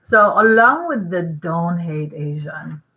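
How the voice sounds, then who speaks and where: A woman's voice: fairly low pitch, animated, takes it slowly, bright, forceful tone, rough recording. A woman from Vietnam talking casually to her vlog audience, rambling and emphatic, tagging her points with "right?" and eating while she talks. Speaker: vlogger.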